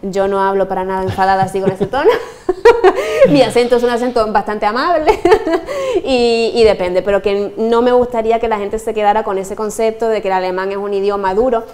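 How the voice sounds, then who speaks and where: A woman's voice: mid-range voice, quick pace, hardly any pauses, darkish tone. A young adult woman teacher, explaining her views in an interview and laughing often. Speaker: German teacher.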